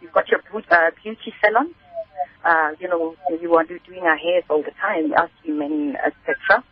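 A husky, lowish female voice at a moderate pace comes through a narrow phone line. She's a South African spice business owner from Kimberley, a guest giving conversational radio interview answers and explaining things at length in a storytelling way.

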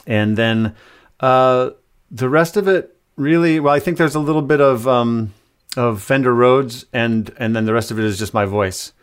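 A man's voice: mid-range voice, moderate pace, clean tone. A man, a composer guest, explaining his work on a remote interview call, thoughtful and full of hesitant fillers. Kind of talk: conversational interview answers.

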